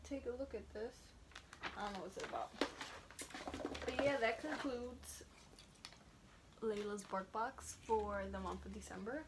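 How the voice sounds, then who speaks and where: A woman's voice: on the high side, measured pace, long pauses. A young woman chatting casually as she unboxes a package, rambling and trailing off mid-sentence. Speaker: vlogger. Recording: noisy home recording.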